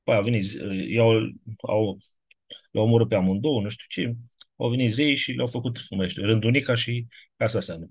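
A man giving a casual classroom lecture, wandering off topic and often checking in with his listeners through quick rhetorical questions. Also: mid-range voice, husky.

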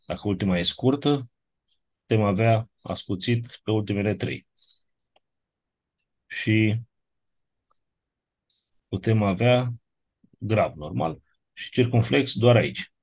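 A man with a lowish voice and long pauses teaches a class, working methodically through grammar rules. He checks understanding with short tag questions in this classroom lecture reviewing grammar.

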